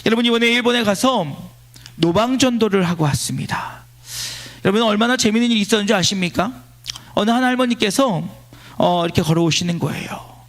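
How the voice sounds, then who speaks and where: High-voiced male pastor preaching. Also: brisk. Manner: leads a responsive scripture reading line by line; exclaims praise lines loudly, then drops to quiet storytelling. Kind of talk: sermon. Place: church worship service.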